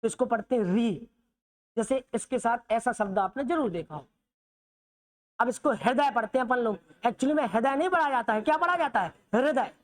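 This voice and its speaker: A woman with a high voice teaches the Hindi alphabet. She asks her students questions, answers them herself, and keeps checking that they follow. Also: lively intonation, normal speed. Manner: repetitive, checks students' understanding. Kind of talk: classroom lesson on Hindi script.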